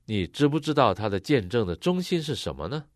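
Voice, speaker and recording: A man interpreting a sermon phrase by phrase, matching the preacher's expressive delivery. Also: medium pitch, a little fast, dry recording, studio quality.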